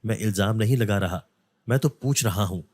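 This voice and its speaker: A man's voice: fairly low pitch, normal speed, a little mellow, no room sound, natural voice. A man voicing a suspicious older uncle who keeps questioning his nephew. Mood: probing. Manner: questioning, probing.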